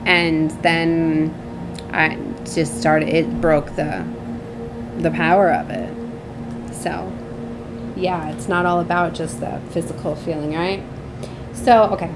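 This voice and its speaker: Slow and flat, with frequent pauses, a low-pitched woman delivers a rambling, casual tarot reading against a noisy background. As a tarot reader and spiritual channel host, she stays informal and chatty, trails off often, and checks in with tag questions seeking agreement.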